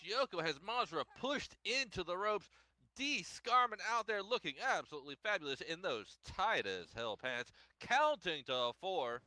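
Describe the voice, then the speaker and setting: A man works as a wrestling color commentator in a high, bright voice. He is wry and dramatic, swinging his pitch around as he analyses the action. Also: sing-song, moderate pace, no echo, low-quality recording.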